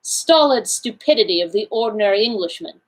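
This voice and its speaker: A woman's voice: medium pitch, lively intonation, brisk, close to an everyday voice, poor audio. A woman voicing a cool, defiant young English wife in a storybook reading, with a clipped, icy delivery.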